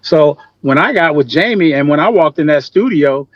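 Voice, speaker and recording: A man's voice: a little high, lively intonation, moderate pace, no room sound. A man, a musician guest, speaking emphatically and plainly in a casual interview, heard through a video call. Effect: remote video call audio. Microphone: computer mic on a video call. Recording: muffled dry video call line.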